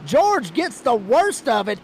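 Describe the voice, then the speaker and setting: A man's voice: very high-pitched, big pitch swings, takes it slowly, gravelly, a little mellow, slight background noise. A man calling a race as lead commentator, with folksy, announcer-like play-by-play.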